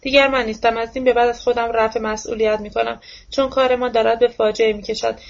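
Female audiobook narrator, steady literary reading, fairly high but flat-toned. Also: gravelly, highs cut off. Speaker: audiobook reader. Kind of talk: novel narration.

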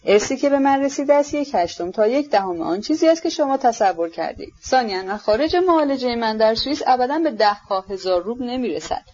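A woman reading the part of a gentle young prince who talks earnestly and pleadingly. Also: fairly high pitch, expressive, hardly any pauses, highs cut off.

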